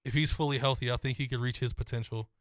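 A young man co-hosting a casual sports talk show, giving a confident, detailed breakdown in a steady flow. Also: mid-range voice, fast, dry recording, studio quality. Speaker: co-host.

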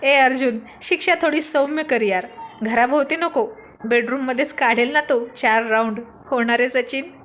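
A woman's voice: high-pitched, moderate pace, fairly bright tone, a little hiss or hum. A woman voicing an easygoing young man who jokes along with his friends in a storybook reading. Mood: joking. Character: good-natured joking young man friend.

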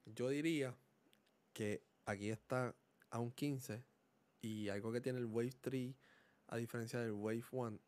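A man's voice: mid-range voice, a little mellow. A man with a Puerto Rican accent, casually explaining microphone settings into a desk microphone at home, often asking if the listener follows and slipping in English words. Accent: Puerto Rican Spanish. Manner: explanatory, mixes in English words, keeps checking understanding. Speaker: gaming YouTuber reviewing a microphone. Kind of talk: casual tech demonstration. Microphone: desk condenser microphone.

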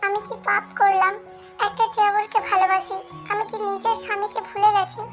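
A woman voicing a timid young widow, soft and fearful. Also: very high-pitched, little pitch movement, moderate pace, soft background music. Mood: anxious.

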